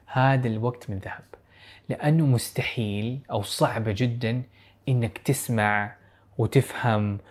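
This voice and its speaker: A young man giving a casual video lesson on a test's listening section, chatty and animated, with asides. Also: medium pitch. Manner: chatty, fast, animated with asides and little laughs. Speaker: IELTS tutor.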